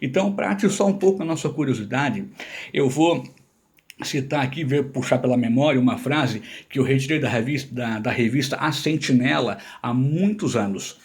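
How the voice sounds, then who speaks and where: A man's voice: mid-range voice, moderate pace. A man giving an informal grammar lesson, explaining patiently and checking in with his listeners. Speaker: Portuguese language teacher.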